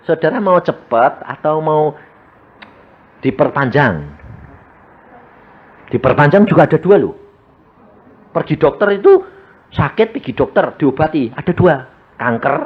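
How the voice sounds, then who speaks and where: Javanese-accented preacher guy, husky voice, swings way up and down, dull lo-fi sound. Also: a little high, a little slow, long pauses. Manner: animated, jokey preaching with Javanese asides and rhetorical questions. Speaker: evangelist preacher. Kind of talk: sermon.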